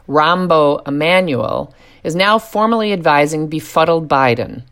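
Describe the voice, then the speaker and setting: Sarcastic low-voiced woman commentator. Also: fairly bright tone. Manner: sarcastic, mocking delivery. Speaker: political commentator. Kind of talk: scripted political commentary.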